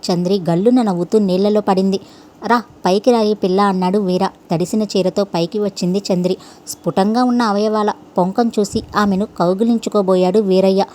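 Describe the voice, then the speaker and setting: A woman storyteller reading a scripted story in a steady, measured way. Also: mid-range voice.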